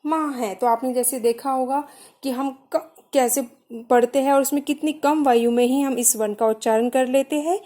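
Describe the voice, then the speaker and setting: A young woman with a slightly high voice leads a grammar lesson. She talks slowly and patiently, saying each letter sound on its own so learners can repeat it. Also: fairly even intonation, warm tone. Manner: patient, spells out sounds one by one. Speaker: teacher.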